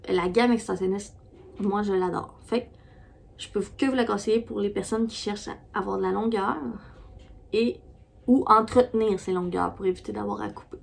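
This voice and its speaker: A woman's voice: medium pitch, fairly even intonation, moderate pace, vocal fry. A woman with a Québécois French accent chatting casually as a beauty vlogger, rambling with many fillers and restarts. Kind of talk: casual product review.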